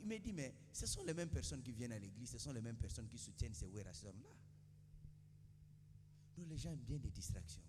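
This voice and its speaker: A male pastor preaching a sermon, calling for amens and swinging from quiet asides to shouts. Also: medium pitch, animated, fairly quick, long pauses, long reverb tail, noisy background. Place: church.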